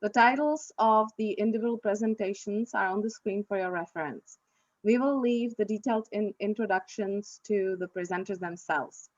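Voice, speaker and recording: A woman from the Republic, introducing a conference session in a halting way, with many fillers and restarts. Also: medium pitch, no room sound. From Czech Republic. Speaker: session moderator, librarian. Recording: dry, slightly muffled recording.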